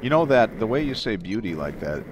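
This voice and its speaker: A man with a very low, deep voice handles commentary with a dry, joking edge, feeding his partner questions. Clear background noise from the venue sits behind him. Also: very animated, brisk. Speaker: play-by-play commentator. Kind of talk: live sports commentary.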